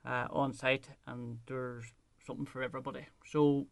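A man's voice: medium pitch, flat delivery, normal speed, vocal fry, no room sound. A man with a Donegal accent from the north-west of Ireland, answering unscripted interview questions about a community event. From County Donegal, Ireland. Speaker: parkrun representative being interviewed.

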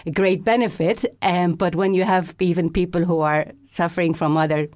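A woman's voice: on the low side, fairly even intonation, moderate pace, a little mellow, dry recording. A woman from Malta with a Maltese accent, speaking as a fitness instructor in a casual studio interview. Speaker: Zumba instructor, interview guest. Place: radio studio.

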